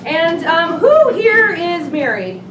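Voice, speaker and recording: A woman's voice: very high-pitched, very animated, takes it slowly. A woman hosting a live improv show, chatty and laughing as she coaxes suggestions from the audience. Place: small theater stage. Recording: far, echoey room with crowd noise.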